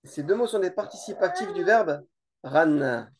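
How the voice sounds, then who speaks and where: A relaxed teacher giving an informal grammar lesson, explaining slowly with many hesitations and repeated words. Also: medium pitch, noisy background. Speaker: Arabic teacher.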